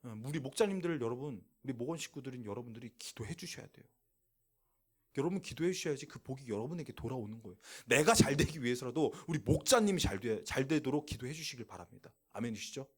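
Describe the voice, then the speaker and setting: A man's voice: medium pitch, fast, husky. A man preaching a sermon at a church youth service, asking the young listeners questions and answering them himself. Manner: animated, asks the audience questions and answers them. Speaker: youth pastor. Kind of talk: sermon to teenagers. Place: church youth service, also streamed online.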